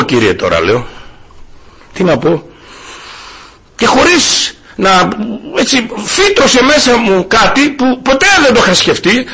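A man's voice: sits high, sharp tone, slightly rough. A middle-aged man from Greece preaching a sermon, building emphasis and telling a personal story with quoted phone dialogue. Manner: preaching with rising emphasis, tells stories quoting a phone call.

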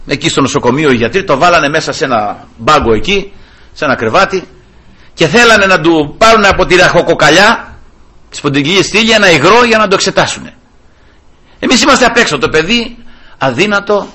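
A man's voice: on the high side, sharp tone, husky. An older man preaching a sermon, telling a personal testimony with passion that climbs to fervent peaks.

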